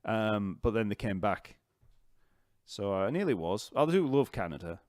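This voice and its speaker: A man with a Yorkshire accent hosting a casual live-stream Q&A, chatty and rambling and quick to laugh. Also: fairly low pitch, very animated, darkish tone, no room sound, clean studio sound. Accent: Yorkshire English. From Yorkshire, England. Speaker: bass teacher and channel host. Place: home, near an island festival site.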